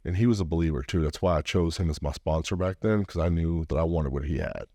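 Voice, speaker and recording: Low-voiced Louisiana man, podcast guest, earnest heartfelt storytelling, dead-dry close recording. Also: quick pace, warm tone, no room sound. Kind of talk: personal storytelling interview.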